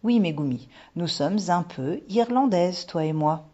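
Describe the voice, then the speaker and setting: A woman's voice: fairly low pitch, animated, moderate pace, slightly rough. A woman doing a playful, teasing mother. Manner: warm, teasing, mysterious. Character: gentle playful mother with a secret. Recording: dull lo-fi recording.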